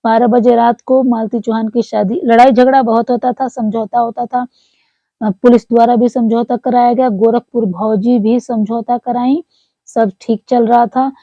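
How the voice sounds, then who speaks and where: A woman who covers online creators relates a story to her viewers at a moderate pace, her fairly high, dark-toned voice keeping a fairly even intonation. She's earnest and repetitive and keeps calling her audience friends, in a dry, muffled recording.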